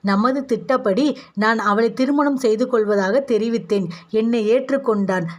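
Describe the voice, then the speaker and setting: A woman's voice: a little high, moderate pace, natural voice. A woman voicing a grieving young male monk in a story reading. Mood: subdued. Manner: sorrowful, defeated.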